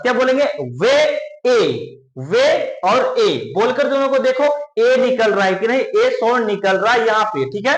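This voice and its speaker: A man's voice: very high-pitched, a bit bright, echoey room, low-quality recording. A man teaching English letter sounds, repeating questions and answers to his students. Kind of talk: spoken English lesson.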